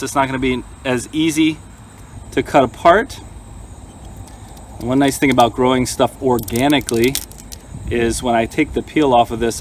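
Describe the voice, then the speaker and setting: A man's voice: mid-range voice, a little hiss or hum. A man hosting a gardening vlog, talking casually and explaining each step as he demonstrates and tastes his harvest. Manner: chatty, plain-spoken, explains each step as he goes. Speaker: gardening channel host.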